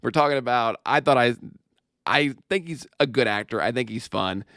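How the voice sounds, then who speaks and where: A man's voice: medium pitch, moderate pace, a bit bright, dry recording, studio quality. A male comedian chatting casually as a podcast guest, joking and laughing often.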